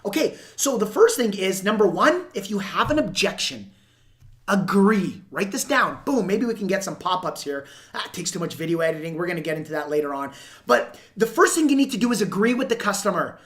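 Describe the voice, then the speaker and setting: A woman's voice: mid-range voice, big pitch swings, a little fast, fairly bright tone. Emphatic woman coaching viewers. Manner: emphatic, repeats points, acts out example dialogue. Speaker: sales coach and video host. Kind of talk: unscripted instructional commentary to viewers.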